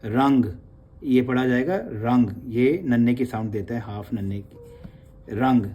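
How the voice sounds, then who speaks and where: A man teaching a class on the letters of the script, calm and patient. He says each sound over and over so learners can copy it, and drops English words into his explanations. His voice is mellow and sits at an everyday pitch. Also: moderate pace, dull audio, soft background music. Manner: opens with soft, low devotional recitation. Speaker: Gurmukhi teacher. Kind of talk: online class lesson.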